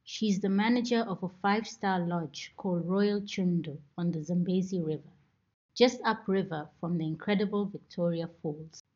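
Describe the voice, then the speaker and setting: A woman's voice: lowish voice, moderate pace, darkish tone, highs cut off. A woman hosting a podcast, reading a scripted introduction in an upbeat announcer manner. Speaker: podcast host.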